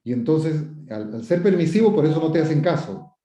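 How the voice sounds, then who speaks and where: A man's voice: on the high side, lively intonation, brisk, dark tone. A psychotherapist answering viewers' questions, a man who explains with many repetitions and rhetorical questions. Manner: quotes questioners and acts out sample phrases. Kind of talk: advice talk. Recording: roomy, dull lo-fi sound.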